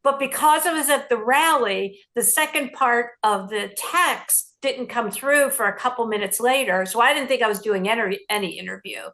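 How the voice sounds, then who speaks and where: A middle-aged woman journalist recounting a story in an interview, lively and acting out the lines she quotes. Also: on the high side, moderate pace, few pauses.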